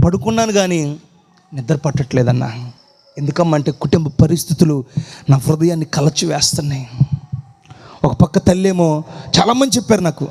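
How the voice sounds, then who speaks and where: A male pastor with a very high voice preaches with fervor at an evening church gathering. He goes from loud cries down to hushed tones and back again. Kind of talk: impassioned sermon.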